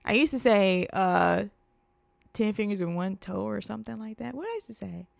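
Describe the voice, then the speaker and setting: Woman, forties, gravelly, playful co-host, dry sound. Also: medium pitch, animated, fairly quick, no echo. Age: 40s. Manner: playful, teasing, laughs often. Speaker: livestream co-host. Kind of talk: casual livestream Q&A chat.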